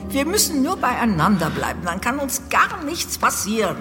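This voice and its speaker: A woman's voice: a little high, wildly swooping pitch, moderate pace, big-room sound. An actress playing a determined, level-headed young woman in a horror radio play, with music behind her. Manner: firm, reassuring, determined.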